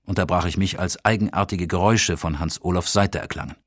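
A man reads a novel aloud in a calm, measured audiobook narration. His voice sits low, and the recording is dry and close, with no room sound. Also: no room sound. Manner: calm, measured reading with lightly acted dialogue.

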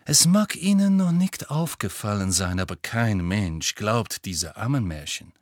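A man voicing a sharp, scheming female tabloid reporter with a pushy, insinuating manner. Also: on the low side, expressive, a little slow, no echo, clean studio sound. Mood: cool. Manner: pushy, insinuating, then breathy and honeyed.

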